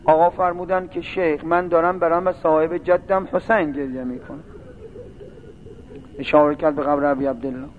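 A man with a fairly high voice and a steady tone preaches a sermon, recounting a long religious story that builds into mournful chanting. The recording sounds tinny, like a phone, with faint noise.

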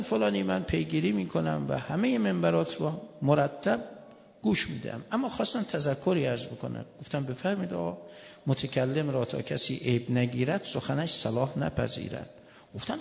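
Man, sermon, storytelling preacher, high voice, echoey hall with long reverb. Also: creaky. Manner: storytelling, quoting scripture in Arabic with emphatic rises. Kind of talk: sermon from the pulpit.

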